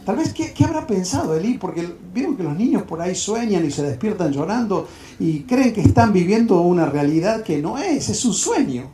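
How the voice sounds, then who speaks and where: Animated Uruguayan preacher in echoey hall. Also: male voice, sits high, normal speed, a little hiss or hum. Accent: Uruguayan Spanish. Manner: animated, dramatic retelling. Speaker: speaker at youth event. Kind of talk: storytelling sermon.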